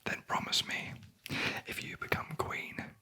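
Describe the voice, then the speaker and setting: A sleep story narrator whispering a fairy tale in a breathy ASMR voice, with dry, wry asides. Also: measured pace. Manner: wry, deadpan commenting on the story.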